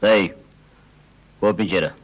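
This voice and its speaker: A cold scheming political boss. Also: male voice, on the low side, steady tone, measured pace, husky. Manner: cold, menacing, talks down to others. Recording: dull lo-fi film audio with score.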